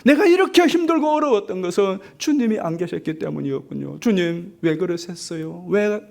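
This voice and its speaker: Preacher doing a hurt guy pleading with jesus, voice climbing high, why why why. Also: lively intonation, a little fast, vocal fry, darkish tone. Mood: pleading, reproachful. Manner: pleading, reproachful questioning. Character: distressed man pleading with Jesus.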